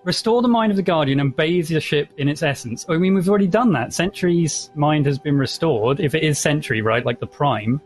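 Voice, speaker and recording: A man's voice: on the high side, animated, fairly quick, hardly any pauses, soft background music. A man chatting casually as a player in a tabletop role-playing game, thinking aloud.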